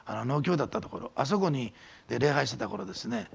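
A man, preaching a sermon as pastor, telling a testimony with animated storytelling and sudden drops to whispers. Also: medium pitch, fast, gravelly, breathy edge.

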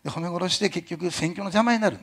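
A male pastor preaching a sermon in a lively conversational way, with jokey asides and a hint of a Kyushu dialect. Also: sits high, fast, breathy edge. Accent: Kyushu dialect touches. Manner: animated, jokey asides, imitates other pastors.

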